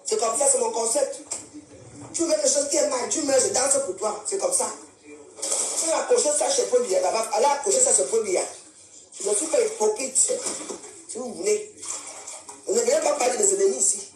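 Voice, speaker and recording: Woman, high voice, confrontational live-stream rant, echoey room away from the mic. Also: moderate pace, long pauses, a little mellow, recorded from a distance, soft background music. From Cameroon. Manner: defiant, confrontational, repeats herself. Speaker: social media live streamer.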